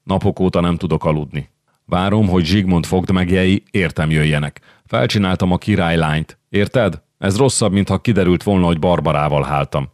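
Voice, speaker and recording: A frightened young nobleman pleads for help in an anxious, confiding tone, as a male audiobook reader voices him. The voice sits very low and sounds dry and close. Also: darkish tone, no room sound, close to an everyday voice. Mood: pleading. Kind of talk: audiobook character reading.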